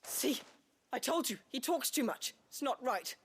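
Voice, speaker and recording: A woman's voice: sits high, lively intonation, a little slow, slightly rough, heavily acted. A spoiled little rich boy. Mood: bossy. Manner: petulant, whiny, bossy. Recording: game audio under faint music.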